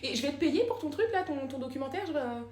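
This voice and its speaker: A woman voicing a cocky, irritated male bird courting a female, talking in a hushed voice. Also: high voice, animated, quick pace. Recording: echoey room.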